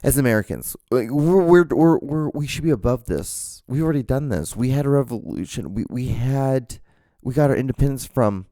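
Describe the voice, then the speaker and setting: A man from Honduras hosting a podcast, talking through a casual monologue in an emphatic, halting way, with many restarts and fillers. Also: mid-range voice, dark tone, no room sound, studio quality. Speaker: podcast host.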